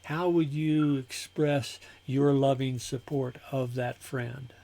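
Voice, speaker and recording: A man facilitating a spiritual group discussion, asking gentle, open questions and inviting answers without pressure. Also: medium pitch, fairly even intonation, slow pace, vocal fry, slight background noise.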